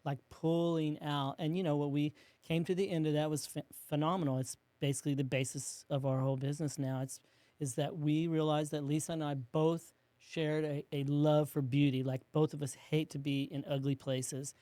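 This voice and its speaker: Mellow-voiced man telling a rambling story. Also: fairly high pitch, little pitch movement, moderate pace, no room sound. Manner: rambling, with many restarts and fillers; acts out quotes in a hushed voice. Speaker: business co-owner, guest. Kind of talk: casual storytelling interview.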